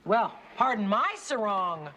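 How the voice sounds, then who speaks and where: A woman's voice: medium pitch, expressive, slow, heavy background noise. An actress playing a cheerful, encouraging woman running a small catering business, in a sitcom. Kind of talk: sitcom acting.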